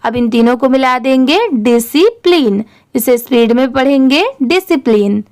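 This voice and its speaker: Woman teacher, high voice, slow, clear and smooth, spells words out patiently. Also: little pitch movement. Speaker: English teacher. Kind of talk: spelling-out reading lesson.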